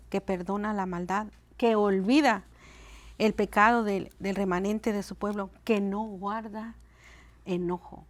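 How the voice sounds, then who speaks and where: Soft-spoken woman preacher. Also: mid-range voice. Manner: gentle, soft-spoken and inviting. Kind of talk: sermon.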